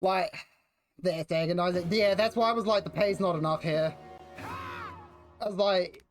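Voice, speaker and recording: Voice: mid-range voice, moderate pace. A game streamer of unclear sex with a broad New Zealand accent, chatting casually in a slangy, rambling way that often breaks off mid-thought. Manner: slangy, rambling, self-interrupting. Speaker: game livestreamer. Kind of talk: casual chat while gaming. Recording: music behind the voice. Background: music.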